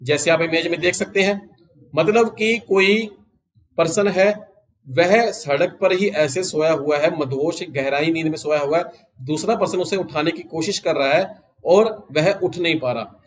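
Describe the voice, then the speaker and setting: A man teaching English idioms in Hindi, reading each English phrase slowly and repeating it, with an Indian English accent. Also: fairly high pitch, low-quality recording. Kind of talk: recorded exam-prep lesson.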